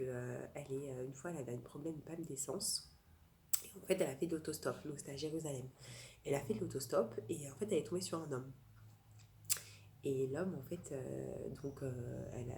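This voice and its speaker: A woman's voice: sits low, warm tone, slight background noise. A woman teaching an informal religious lesson, hesitant, with many fillers and restarts. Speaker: Torah class teacher.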